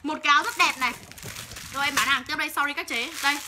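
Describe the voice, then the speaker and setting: Fast, high, sharp-voiced woman selling on livestream. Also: background noise. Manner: profane angry ranting; rapid sales patter calling out buyers' names. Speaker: livestream clothing seller. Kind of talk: livestream selling, ranting at viewers.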